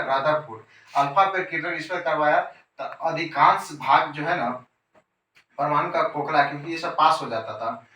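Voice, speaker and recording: A man's voice: a little high, pushed and bright, a little hiss or hum. A male chemistry teacher giving a coaching class lecture, who keeps repeating key terms as questions and answering them himself. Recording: echoey room, voice from a distance, faint ambience.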